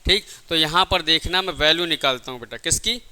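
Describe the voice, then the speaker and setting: Teaching physics in class, this man lays out the lesson step by step, didactically posing questions and answering them on his own. His voice sits on the high side, pushed and bright, and he talks fairly quickly.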